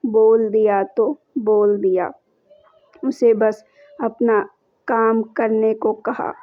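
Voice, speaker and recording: A woman storyteller giving a scripted narration of a family story in a slow, even, measured reading. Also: medium pitch. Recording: dry, dull lo-fi recording.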